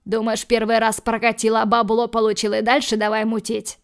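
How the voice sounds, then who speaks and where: A woman's voice: brisk, clean tone, lightly acted. Woman voicing a cold, menacing tough guy. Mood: threatening. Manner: calm, threatening, low and clipped. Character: cold, menacing male hero, a tough man. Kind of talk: audiobook character voicing.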